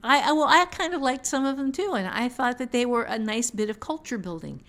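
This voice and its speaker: A woman novelist co-hosts a casual talk about fiction writing, speaking emphatically with repeated points and frequent chuckles. Her voice is fairly high and fairly bright, and she moves at a brisk pace.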